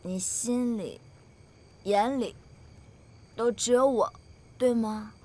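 A woman's voice: fairly high pitch, slow pace, dark tone, slight background noise. An actress playing a drunken, playful and possessive young lady in love in a costume drama, with teasing, demanding delivery. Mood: needy questioning.

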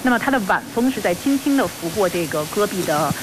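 A woman reporting live from outdoors as a news correspondent, speaking earnestly and formally with hesitant pauses as she improvises. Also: medium pitch. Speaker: field reporter for a radio broadcast. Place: outdoors at a launch site. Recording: noisy outdoor live feed with steady hiss.

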